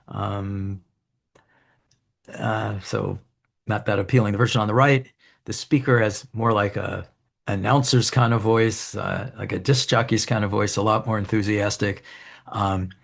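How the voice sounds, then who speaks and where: A man delivers a conference keynote in a fairly low voice with a gravelly edge. He walks the audience through research findings in an easygoing way, often pausing on "um" and restarting his sentences. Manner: relaxed, with frequent ums and restarts. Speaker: keynote speaker. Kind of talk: academic keynote lecture. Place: conference hall.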